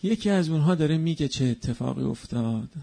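A man preaching a mourning sermon, moving between quiet narration and chanted, wailing cries. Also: fairly high pitch, animated, vocal fry.

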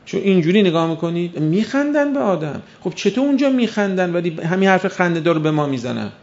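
A man's voice: sits high, sing-song, a little mellow. A man preaching a sermon who keeps firing rhetorical questions at the audience and acts out the voices of imagined doubters. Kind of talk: religious sermon. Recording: dull lo-fi recording.

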